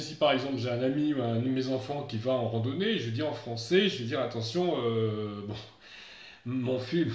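Chatty middle-aged French-accented teacher. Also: male voice, medium pitch. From France. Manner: explanatory, chatty, switches into slow spoken English examples. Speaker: English teacher. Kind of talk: online lesson. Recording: muffled, echoey room.

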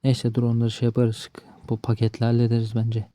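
A man mutters and grumbles as he plays, cursing bad luck in a casual running commentary. His voice is very dark and mellow, recorded dry and close with no room sound. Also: medium pitch, completely flat delivery, fairly quick, dry recording. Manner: frustrated, swearing at the game, talking to himself. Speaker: gaming streamer.

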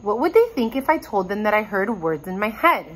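A woman's voice: mid-range voice, big pitch swings. A woman voicing a hesitant young boy who keeps dragons, in a storybook read aloud. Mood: unsure. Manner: hesitant, halting.

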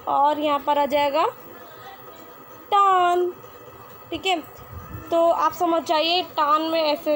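A woman teaching an online lesson to children, patiently reading words aloud and repeating them slowly so they can follow. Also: high voice, fairly bright tone.

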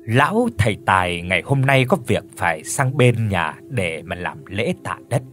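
A man narrating a ghost story in an expressive, dramatic storyteller style. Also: on the low side, normal speed, soft background music.

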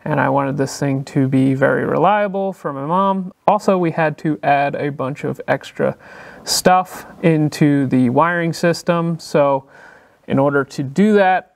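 A man hosting a casual walkthrough of a vehicle build in an indoor workshop, explaining things in a relaxed way with frequent filler sounds, recorded on the handheld camera he films with. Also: fairly high pitch, measured pace, gravelly. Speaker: car builder and channel host.

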